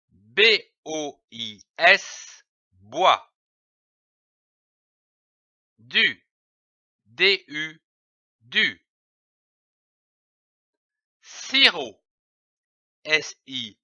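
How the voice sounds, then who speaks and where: A man with a French accent teaching children to read, slowly spelling out letters and syllables in a deliberate lesson. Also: a little high, bright, forceful tone, no room sound. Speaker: reading teacher. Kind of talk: slow, deliberate phonics lesson. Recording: dull, lo-fi.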